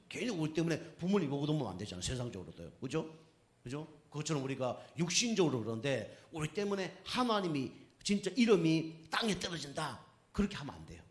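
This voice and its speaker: A male pastor preaching conversationally, asking the congregation questions and acting out quoted voices in a story. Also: mid-range voice. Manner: acts out quoted speech in anecdotes. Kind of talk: sermon.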